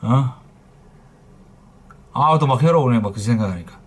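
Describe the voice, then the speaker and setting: A man's voice: mid-range voice, animated, normal speed, slightly rough. A middle-aged man running a phone repair shop livestream, telling heated stories in a blunt, profane way. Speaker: phone repair shop owner streaming live. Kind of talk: casual livestream rant.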